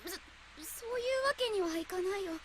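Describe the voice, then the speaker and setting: A woman's voice: very high-pitched, rapid-fire, noisy background. An actress playing a kind, anxious teenage schoolgirl in a Japanese video game, earnest and polite. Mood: worried.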